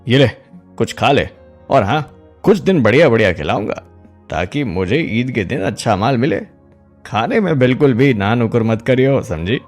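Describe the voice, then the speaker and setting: Man voicing a greedy young thief, cartoon, wheedling and sly, lively pitch. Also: moderate pace, soft background music, lightly acted. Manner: wheedling, mocking. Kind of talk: cartoon voice acting.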